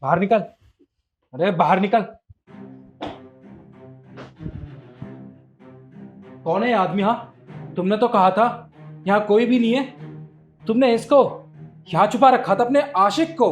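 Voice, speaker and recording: A man's voice: high voice, moderate pace, long pauses, faint music behind, natural voice. A man playing an outraged betrayed husband. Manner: accusing, indignant. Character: husband Nikhil, confronting a cheating wife. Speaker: actor in a short film. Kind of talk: melodramatic short-film acting.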